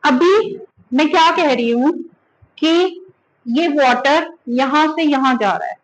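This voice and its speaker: Woman teacher, high voice, scolds and teases, explains by everyday examples in a class lecture. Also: takes it slowly, poor audio.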